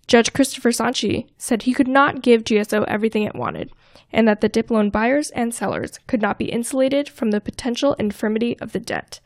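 A woman co-hosting a podcast, reading scripted financial news in a crisp, clear way. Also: on the high side, brisk, no room sound, studio quality. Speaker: co-host and news reader.

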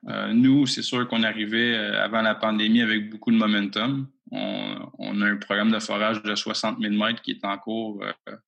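Recorded at home with the highs cut off, a man with a fairly low, creaky voice and sharp tone talks about his company as a guest; he is a mining company executive. Originally from Abitibi-Témiscamingue, Quebec, he has a Québécois French accent and answers hesitantly with plenty of fillers.

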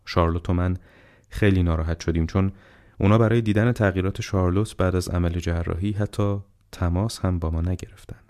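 A man narrating an audiobook in a measured, calm and unhurried way. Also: low voice.

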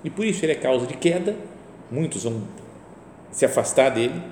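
A male priest with a Brazilian Portuguese accent delivers a sermon in an easy, conversational way. His voice is lively and rises and falls a lot as he leans on rhetorical questions. It rings through a reverberant hall, with faint ambient sound behind him. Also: medium pitch, brisk, a little hiss or hum.

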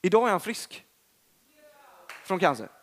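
A young man preaching a sermon in a chatty, storytelling way, self-deprecating and lively in emphasis, with a Swedish accent. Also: sits high.

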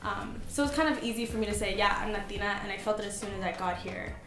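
A woman's voice: medium pitch, steady tone, fast. A woman in her twenties, raised in Canada, talking fluently and chattily as a student panelist. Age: 20s. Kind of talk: casual roundtable discussion. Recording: roomy echo, faint music.

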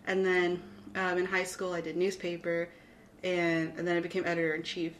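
A young adult graphic designer from Austin, Texas, talks casually as an interview guest in a fairly low, monotone voice at normal speed. She rambles modestly and giggles, leaning heavily on "like" and other fillers.

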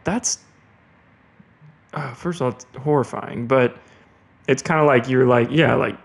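A man's voice: mid-range voice, unhurried, creaky, husky. A man from Spokane hosting a podcast, goofy and rambling in casual chat, laughing often. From Spokane, Washington State, USA. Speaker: podcast host.

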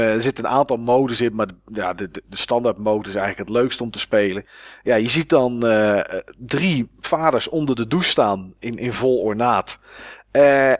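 A man's voice: medium pitch, no echo, clean studio sound. A man co-hosting a podcast in casual chat about games, rambling with many fillers and restarts. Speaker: podcast co-host.

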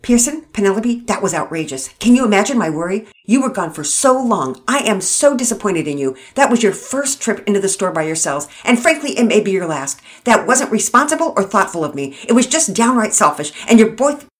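A woman's voice: medium pitch, sing-song, brisk, hardly any pauses, pitched above the performer's own voice, lightly acted. A woman voicing a flustered mother scolding her children, sputtering and exasperated. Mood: upset scolding.

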